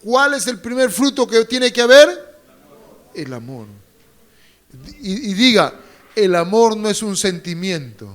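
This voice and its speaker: At normal speed, a man with a high-pitched, slightly bright voice preaches a sermon in church. Fervent in delivery, he has his congregation repeat lines and tosses in joking asides.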